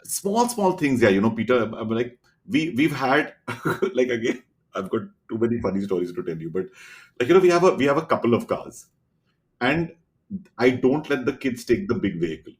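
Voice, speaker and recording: Middle aged indian guy on a podcast, chatty storyteller, lots of acted-out quotes, normal pitch. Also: moderate pace. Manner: animated anecdotes with quoted dialogue and laughter. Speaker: podcast guest. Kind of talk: casual storytelling chat.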